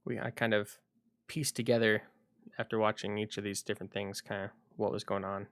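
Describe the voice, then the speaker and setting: Low-voiced man thinking aloud on stream. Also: little pitch movement, no echo, clean studio sound. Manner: rambling, thinking aloud with frequent pauses. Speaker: livestreamer. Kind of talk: casual solo livestream chat.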